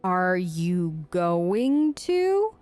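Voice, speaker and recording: Over soft background music, a woman with a lowish, slightly mellow voice speaks very slowly yet very animatedly. She's hosting a role-play let's play, casually chatting in character with an earnest, playful tone.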